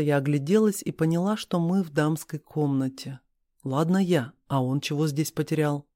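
A man reading a novel aloud as an audiobook narrator, with an expressive delivery. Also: on the high side, no echo, studio quality.

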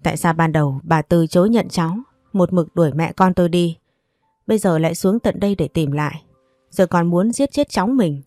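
A woman narrating a first-person story in an emotional, measured way. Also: fairly low pitch, dark tone, no echo, clean studio sound, soft background music.

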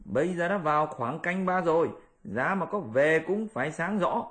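A man voicing a boastful, mischievous male monkey king with a shrill, bossy, teasing manner in an audiobook. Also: expressive, normal speed, a bit bright. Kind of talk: audiobook character voice.

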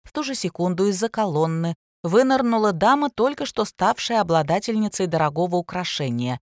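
Woman narrating an audiobook, lowish voice, dry close sound. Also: lively intonation, fairly quick, no echo. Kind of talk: scripted narration.

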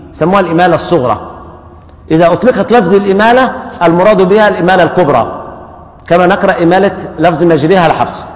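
A man with an Egyptian Arabic accent teaching the rules of Quran recitation, explaining slowly and repeating key terms. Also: sits high. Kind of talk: classroom lecture on recitation rules. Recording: echoey hall, dull lo-fi sound.

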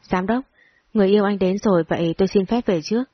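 A woman's voice: mid-range voice, fast talker, slightly rough, no room sound, dull audio, close to an everyday voice. A woman voicing a proud young secretary. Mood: cool politeness.

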